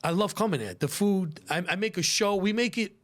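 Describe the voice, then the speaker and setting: This is a middle-aged man with a strong Brooklyn accent and a voice pitched a little higher than most men's. He talks casually, as a podcast guest would. His delivery is brash and emphatic, sprinkled with swearing. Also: a little fast. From Brooklyn, New York. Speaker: podcast guest, pizzeria owner.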